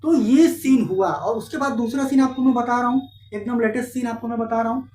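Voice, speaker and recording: A man's voice: very high voice, fairly quick, mellow. A man vlogging in casual Hindi storytelling, talking straight to his viewers and retelling everyday quarrels. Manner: chatty, addresses viewers directly, retells arguments. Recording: roomy echo, distant mic, faint ambient noise.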